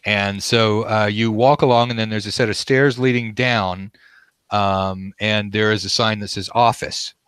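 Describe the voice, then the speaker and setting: A man improvising narration as game master of a tabletop game, often halting to search for words. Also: on the low side, fairly even intonation, fairly bright tone, clean tone, no echo.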